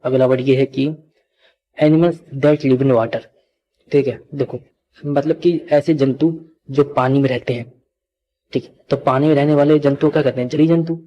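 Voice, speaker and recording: Male tutor, mid-pitched, repetitive question-and-answer teaching, somewhat dull lo-fi audio. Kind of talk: vocabulary lesson.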